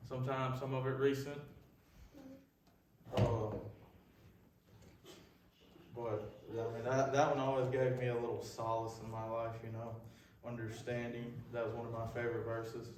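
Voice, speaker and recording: Male youth speaker, folksy and halting, telling things informally; very reverberant room, distant mic. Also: medium pitch, little pitch movement, a little mellow. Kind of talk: informal youth talk, storytelling. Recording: echoey room, far mic, faint noise.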